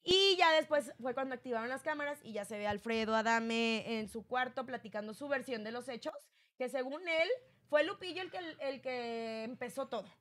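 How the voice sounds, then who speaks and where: A woman's voice: normal speed, a bit bright. A woman hosting a casual gossip commentary, chatty and acting out quotes. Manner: chatty, acts out quotes with raised pitch. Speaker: gossip show host.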